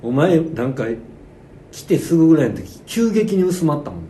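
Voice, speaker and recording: Man, Kansai accent, comedy-duo chat, teasing, animated pitch. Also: normal speed, echoey room, a little hiss or hum. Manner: teasing, insistent banter. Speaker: comedian co-host.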